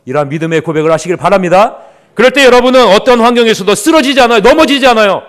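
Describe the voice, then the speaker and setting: Impassioned high-voiced male pastor preaching. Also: expressive, racing, fairly bright tone. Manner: impassioned preaching with repeated refrains. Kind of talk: sermon.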